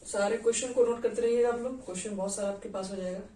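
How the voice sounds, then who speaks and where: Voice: mid-range voice, steady tone, very fast, mellow. A chemistry teacher gives a classroom lecture, quizzing students and counting out carbon atoms one by one. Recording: echoey room, distant mic, faint noise.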